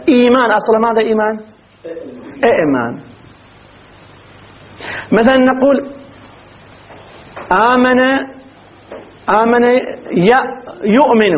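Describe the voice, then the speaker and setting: A male teacher lectures his class, firing rhetorical questions at the students and reciting word forms one after another. His voice sits high and swings widely in pitch. The recording is dull and lo-fi. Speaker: grammar teacher.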